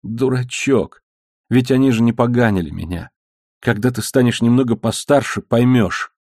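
A man reading an audiobook, voicing a sick, despairing young woman who speaks quietly and wearily. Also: medium pitch, normal speed, no echo, studio quality, natural voice. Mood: mocking.

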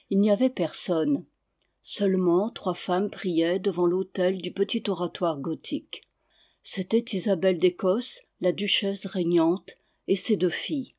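An audiobook narrator reading a historical novel in a calm, measured way. The voice sits at a middle pitch.

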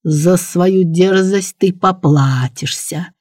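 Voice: mid-range voice, little pitch movement, slow pace, vocal fry, dark tone, no room sound, clean studio sound. A reader voicing a furious old tyrant prince. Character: enraged elderly male prince, tyrannical. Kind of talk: audiobook character voice.

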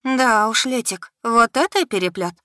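A worried young girlfriend who presses with pointed questions, as a woman reads her in an audiobook. The voice sits a little higher and brighter than the narrator's own. The reading is dry and close. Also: fairly quick, dry recording. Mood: sympathetic. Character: concerned female friend, young adult.

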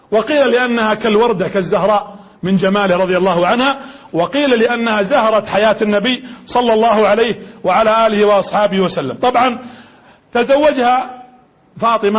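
A man preaching in a Gulf Arabic accent, his voice pitched unusually high and his words tumbling out quickly. He tells the story with energy and keeps quizzing his listeners. The recording sounds dull and lo-fi. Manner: lively storytelling that quizzes the audience. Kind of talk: religious lecture.

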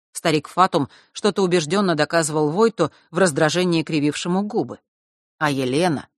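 A woman narrating a fantasy audiobook in a steady, measured storytelling manner. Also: deep voice, no room sound, studio quality. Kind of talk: scripted narration.

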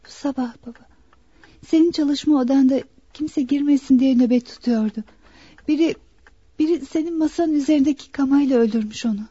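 An actress playing a young daughter in a radio drama, emotional and pleading. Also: female voice, sits high, fairly quick, mellow, no echo, natural voice. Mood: distressed. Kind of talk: 1960s Turkish radio drama acting. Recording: dull lo-fi dry archive radio recording.

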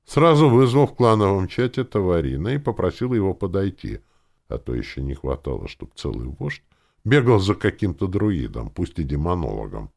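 A man narrating a fantasy audiobook in the first person, telling the story expressively with lively dialogue. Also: low voice, moderate pace, vocal fry.

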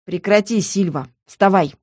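A stern male leader of a rough crowd, as a woman reader puts him on, barking slow, deliberate orders in a gruff, authoritative tone. The audiobook sound is dry and close, with no room sound. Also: medium pitch, mellow, dry recording, natural voice. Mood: commanding.

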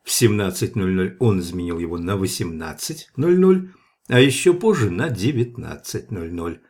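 A man narrating an audiobook in a steady, measured reading. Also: sits low, slightly rough.

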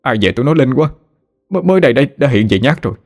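A man's voice: mid-range voice, expressive, racing, darkish tone, voice pushed up. A man voicing a frightened drunken husband who stammers and pleads with his wife. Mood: pleading.

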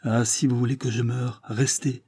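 A desperate young noble daughter, voiced by a male reader, pleading with emotion. The tone is dark and slightly husky. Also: mid-range voice, flat delivery, moderate pace.

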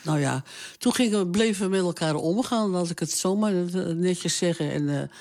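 A woman's voice: on the low side, normal speed, darkish tone. Hesitant older woman reminiscing. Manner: hesitant, many fillers, plain-spoken. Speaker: interviewee. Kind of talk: casual reminiscing conversation.

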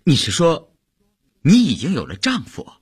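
A jealous male officer who sneers at a rival, his husky voice jumping up in agitation, as a man reads him in an audiobook. His pitch lurches widely from word to word. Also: wildly swooping pitch, normal speed, fairly bright tone, exaggerated voice. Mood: baffled.

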